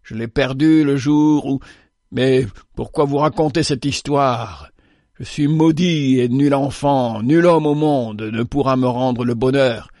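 Cast: a man playing a haunted old wanderer, anguished and declaiming, raised pitch, storybook reading, dry sound. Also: measured pace, darkish tone, no echo, lightly acted. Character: cursed old male vagabond, tormented and haunted.

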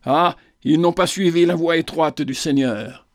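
A man's voice: a little high, measured pace, no room sound, studio quality. A man voicing a wrathful, grieving old peasant prophet who preaches in impassioned tirades. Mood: mournful.

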